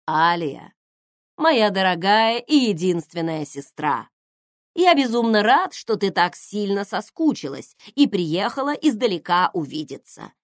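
A woman reads the part of a stern, exasperated space colonel, gruff and pushing his voice up when annoyed. the lines are slow and lively in pitch, in a storybook reading with a dry close sound. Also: no echo, natural voice. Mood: sarcastic. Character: stern male colonel, exasperated older brother.

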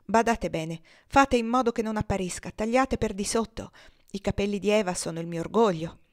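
A woman's voice: mid-range voice, normal speed, close to an everyday voice. A loving father from an old novel, as a woman reader puts him on. He speaks with fond, jovial ease that turns heavy with grief. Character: affectionate, jovial, grieving father.

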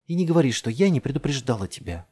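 A man voicing a desperate mother in an audiobook, giving forceful, commanding orders. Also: mid-range voice, very animated, quick pace, husky, voice pushed up. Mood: urgent. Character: commanding, desperate mother urging her daughter. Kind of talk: audiobook character voice.

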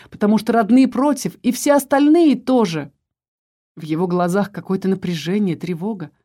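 A woman narrates an audiobook with a mellow, dark tone. Her reading is expressive, and she lifts her voice to stress key phrases. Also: mid-range voice.

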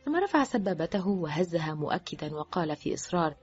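A woman narrating an audiobook of a novel in a lively, expressive reading. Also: on the low side, fast, breathy edge. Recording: dull lo-fi with faint music.

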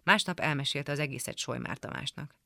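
A woman reading a literary memoir aloud for radio in a calm, measured storytelling manner. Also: very deep voice, creaky, no echo, clean studio sound. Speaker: radio reader. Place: radio studio.

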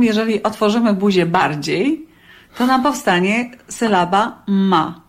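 A woman speech therapist explaining in a teacherly, demonstrating way in a radio interview. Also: medium pitch. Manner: didactic, demonstrating sounds.

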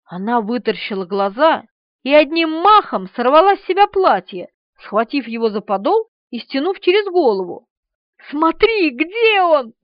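A woman narrating an audiobook in an animated, expressive way. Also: fairly high pitch, normal speed, no echo, muffled recording.

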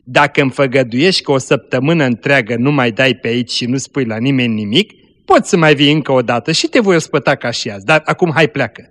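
A man voicing a gruff but kind-hearted street merchant who speaks sternly. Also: medium pitch, close to an everyday voice. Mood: hushed. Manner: stern, pressing, then gentler.

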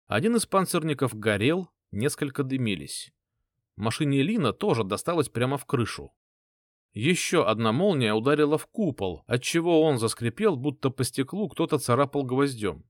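A man reads a first-person audiobook with an expressive, lively delivery and swinging intonation. His voice sits at an ordinary middle pitch. The recording is close and dry. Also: moderate pace, no echo. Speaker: audiobook narrator.

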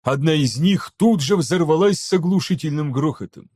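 A man narrating an action-packed fantasy audiobook with steady, even storytelling. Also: a little high, moderate pace. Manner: steady, even storytelling that voices each character. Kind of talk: scripted narration.

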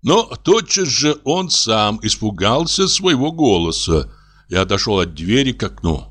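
A man narrating a classic story as an audiobook, with expressive, varied intonation. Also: on the low side, unhurried.

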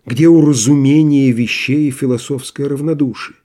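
A man narrating a literary audiobook in a measured, even storytelling manner. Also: medium pitch.

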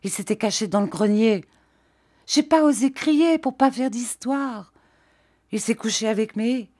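A woman's voice: on the high side, measured pace, warm tone, pitched above the performer's own voice. A woman voicing a sobbing young peasant maid. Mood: flustered confessing. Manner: breathless, broken confession.

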